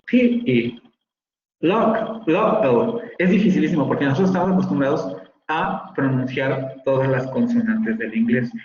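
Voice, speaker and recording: A man's voice: medium pitch, slight background noise. A man teaching a phonetics class online, explaining patiently and sounding out examples. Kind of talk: online lecture. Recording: roomy, slightly dull video-call audio.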